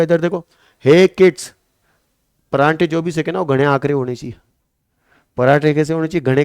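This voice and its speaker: Lively teacher drilling memory tricks. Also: male voice, a little high, no room sound, clean studio sound. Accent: Marwari-tinged Hindi. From Rajasthan, India. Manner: lively, repeats questions to students and answers them. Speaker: exam coaching teacher. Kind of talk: classroom lecture with memory tricks.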